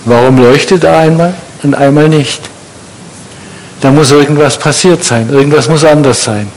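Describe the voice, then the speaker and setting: Male preacher, unhurried sermon, questions to the congregation, faint rumble and hiss behind. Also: poor audio. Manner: slow, conversational, asks the congregation questions.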